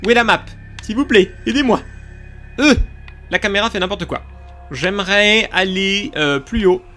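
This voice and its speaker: A man giving excitable let's play commentary, talking to his viewers as he plays, with sudden yelps. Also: moderate pace, soft background music. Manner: excitable, talks to viewers while playing; sudden yelps and jumps in pitch. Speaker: gaming YouTuber.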